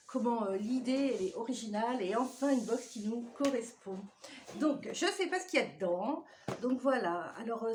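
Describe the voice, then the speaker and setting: A woman with a slightly high voice talks casually at home, chatty and prone to rambling off on tangents. A faint hiss sits behind her in the recording. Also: darkish tone. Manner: chatty, digressive, laughs often. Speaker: vlogger. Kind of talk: casual unboxing chat. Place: home indoors.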